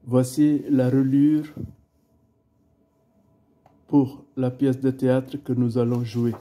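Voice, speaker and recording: A middle-aged man talking through a school play booklet, halting often with fillers and repeated words. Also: mid-range voice, level tone, warm tone. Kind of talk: casual spoken presentation.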